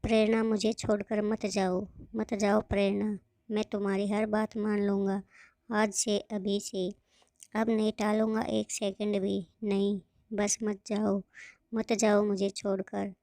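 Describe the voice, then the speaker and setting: A woman's voice: medium pitch, flat delivery, measured pace, mellow, no echo, natural voice. A woman voicing a frantic young husband who desperately begs for his dying wife. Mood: pleading. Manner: pleading, desperate.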